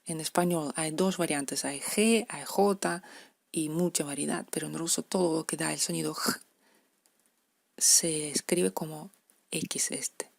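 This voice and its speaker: A woman's voice: low voice, fairly even intonation, normal speed, creaky, no room sound. A woman, teaching letter pronunciation to beginners and patiently repeating each example word. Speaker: language teacher.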